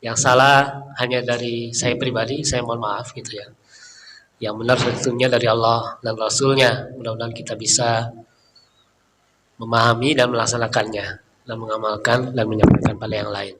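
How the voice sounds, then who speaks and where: A middle-aged man giving a relaxed, chatty Islamic study talk in a mosque, often tagging his sentences with filler words. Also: medium pitch, normal speed, background noise. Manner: chatty, leans on filler tags. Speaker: Islamic preacher. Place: mosque hall. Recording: reverberant hall, faint room ambience.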